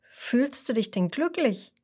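A beaming little fish with a good mood that nothing can spoil, played by a woman reading a children's story. He speaks in a raised, sunny voice at an unhurried pace, gentle and kind as he asks his questions. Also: a little high, sing-song, husky, exaggerated voice. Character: cheerful friendly male fish, never loses his good mood.

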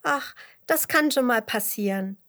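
A woman's voice: on the high side, big pitch swings, a little slow, pitched above the performer's own voice, exaggerated voice. A woman voicing Dotti, a kind and curious girl in a children's story. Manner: bright comforting tone.

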